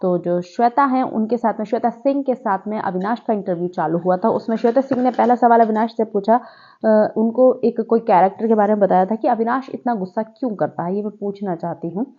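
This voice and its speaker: A woman's voice: medium pitch, brisk, warm tone, dull audio. A woman giving a chatty, opinionated spoken review of a reality show, mixing English words into her talk.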